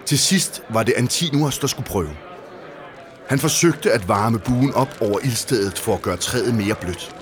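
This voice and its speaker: A man reading a storybook aloud, steady and calm in his telling. His voice sits at an ordinary middle pitch for a man. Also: a crowd in the background. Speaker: narrator. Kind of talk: storybook narration.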